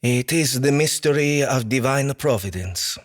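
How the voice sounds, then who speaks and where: A man's voice: medium pitch, lively intonation, unhurried, voice pushed up, natural voice. A man voicing an elderly cardinal with a thick put-on Italian accent, cordial and ceremonious.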